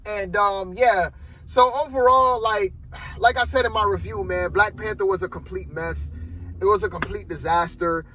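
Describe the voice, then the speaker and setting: A man talks through a film review in a laid-back, meandering way, leaning on "like" and "man" as he goes. His voice sits high and has a sharp, bright edge. He is recording from the driver's seat of his car. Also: steady tone, moderate pace, a little hiss or hum, low-quality recording. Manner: rambling and loose, peppered with "like" and "man". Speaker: movie reviewer. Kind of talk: casual spoken film review. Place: inside a parked car.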